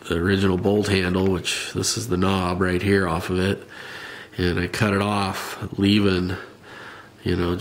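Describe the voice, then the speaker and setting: Man, nasal and low-pitched, monotone, easygoing how-to presenter with filler-heavy delivery. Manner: rambling, plain-spoken, many fillers. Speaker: hobbyist showing a rifle customization. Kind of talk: casual how-to demonstration.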